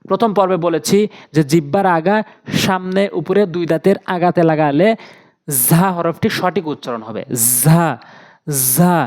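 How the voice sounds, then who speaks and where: A man's voice: fairly high pitch, normal speed, a little mellow. Man drilling Arabic letter sounds. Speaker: Quran recitation teacher. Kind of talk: Quran pronunciation lesson.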